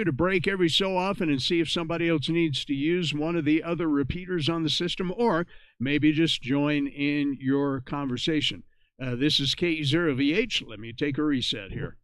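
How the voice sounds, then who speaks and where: In a dry recording, a man running an amateur radio net goes through announcements and procedural reminders in a relaxed, chatty way. His voice is fairly high and fairly bright, with a clean tone.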